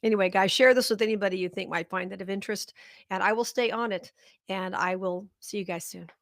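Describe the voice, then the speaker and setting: A woman's voice: mid-range voice, fast, a bit bright, no room sound, studio quality. A middle-aged woman hosting a live political commentary show, talking straight to her viewers with indignant, sarcastic outrage.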